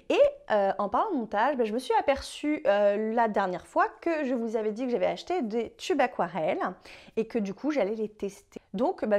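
A young woman from France chatting casually through her painting vlog, relaxed and full of little fillers. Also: mid-range voice. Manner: chatty, relaxed, many fillers like "euh" and "bah". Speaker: painting vlogger.

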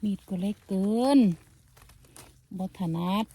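A woman from Surin with a northeastern Thai accent and a native Khmer background, a little hoarse, murmuring casual asides while foraging outdoors. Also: slow. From Surin, northeastern Thailand. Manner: soft, murmured asides to viewers. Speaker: mushroom-foraging vlogger. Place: outdoors in a forest and on a lawn.

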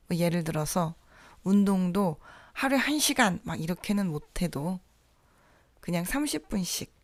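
Female podcast host, soft and reflective, lowish voice, dry close sound. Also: no echo. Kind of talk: scripted podcast monologue.

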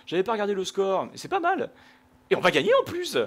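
A man giving live, jokey gameplay commentary, shouting out his kills. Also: sits high, wildly swooping pitch, quick pace. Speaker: gaming video host.

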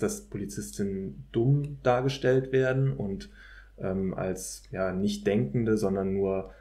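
A man with a warm, lowish voice appears as a guest political scientist in an analytical discussion, hesitantly searching for his words.

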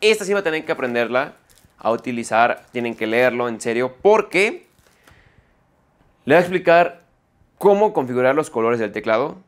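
A man's voice: mid-range voice, animated, moderate pace, pauses often. Guy doing a keyboard review, explains everything step by step, keeps saying ok?, corrects himself sometimes. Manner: explanatory, repeats "¿ok?" after points; self-correcting mid-sentence. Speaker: tech reviewer. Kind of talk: product review tutorial.

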